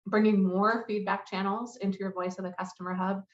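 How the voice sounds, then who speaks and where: In a mid-range voice with a level tone, a marketing lead briskly delivers a business presentation at a conference and answers questions. She's the head of customer marketing, and the audio is slightly muffled with a roomy echo.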